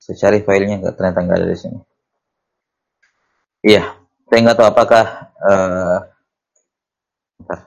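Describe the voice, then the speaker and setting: A man teaching Arabic grammar from a classical text. He reads the Arabic passages slowly, then explains them quickly in Indonesian, asking questions and answering them himself. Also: low voice, steady tone, gravelly, dull audio. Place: study class.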